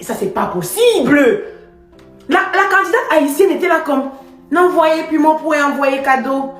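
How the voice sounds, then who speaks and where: A woman's voice: a little high, echoey room. A woman giving emphatic, effusive live stream commentary, pleading and praising in turn.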